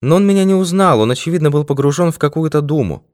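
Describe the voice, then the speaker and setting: A man's voice: a little high, animated, fast talker, a little mellow, dry recording, studio quality, voice pushed up, lightly acted. A male audiobook reader voicing an anxious, earnest young woman in a raised voice. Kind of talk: audiobook character voice.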